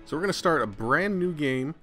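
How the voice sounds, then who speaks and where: A man chats his way through a video game with loose, irreverent commentary and frequent swearing. His voice is bright and forward, and his talk is casual and offhand. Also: fairly high pitch, animated, fairly quick, faint music behind. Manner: chatty, irreverent, swears freely. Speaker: gaming channel host.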